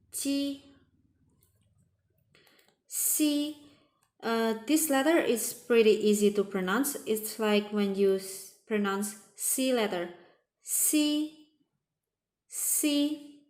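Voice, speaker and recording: A woman teaching a language lesson, explaining sounds patiently and repeating examples slowly. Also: mid-range voice, a little mellow, echoey room. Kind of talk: slow spoken language lesson.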